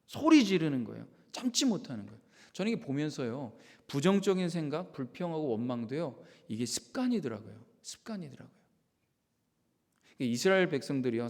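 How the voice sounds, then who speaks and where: A man preaching a Sunday sermon with a lively, swinging delivery, his voice rising and falling as he acts out quoted lines. His fairly high voice carries through the long reverb of a church sanctuary, sometimes sinking to a whisper. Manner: animated preaching, acting out quotes of God and Moses, dropping to a whisper at times. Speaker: pastor.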